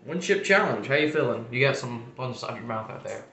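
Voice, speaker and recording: Man, casual vlog host, teasing, lively up-and-down voice, echoey room with faint hiss. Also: medium pitch, fast talker, creaky. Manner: teasing, repeatedly asking how he feels, laughing. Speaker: host filming a friend's spicy chip challenge.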